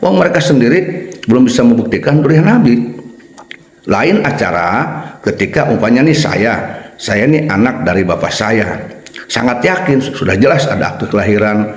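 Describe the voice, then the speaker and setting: Man preaching, keeps repeating himself for emphasis, voice jumps up high on key words, middle pitch, roomy echo. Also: expressive, normal speed. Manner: emphatic, hammers points by repeating them; sudden high-pitched bursts of stress. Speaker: Islamic cleric. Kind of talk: religious lecture. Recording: echoey room.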